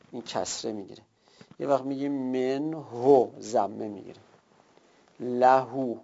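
Male teacher, gravelly voice, explanatory lecture delivery, dull lo-fi recording. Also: medium pitch, a little mellow. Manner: explanatory, often repeats himself for emphasis. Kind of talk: classroom grammar lecture.

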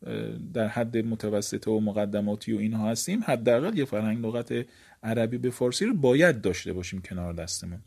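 Dark-voiced man teaching Arabic grammar. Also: medium pitch, gravelly. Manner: explanatory, repeats words and examples. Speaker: seminary teacher.

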